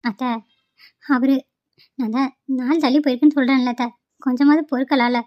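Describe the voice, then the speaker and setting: A woman's voice: sits high, steady tone, fairly quick, dry recording, close to an everyday voice. A woman voicing a tearful, pleading young pregnant daughter-in-law in a cartoon, on a dull lo-fi recording.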